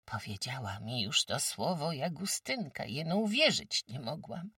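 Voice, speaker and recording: A woman's voice: low voice, sing-song, a little slow, bright, forceful tone, breathy edge, no room sound, studio quality, recorded from a distance, pitched above the performer's own voice, exaggerated voice. A woman voicing a frail, sick old peasant woman who talks weakly and apologetically in rustic speech. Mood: anxious.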